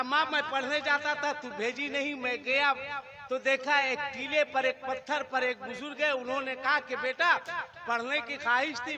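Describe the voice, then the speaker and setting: High-voiced preacher, slow delivery. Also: male voice. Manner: shifts from soft storytelling to loud scolding of the audience. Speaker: Islamic preacher. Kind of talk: religious sermon with storytelling.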